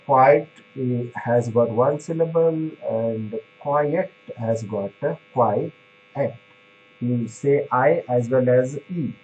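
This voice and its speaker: A man's voice: medium pitch, dark tone, highs cut off, slight background noise. A man giving a classroom lecture on pharmacy, explaining step by step with many fillers and restarts, checking in with "right?".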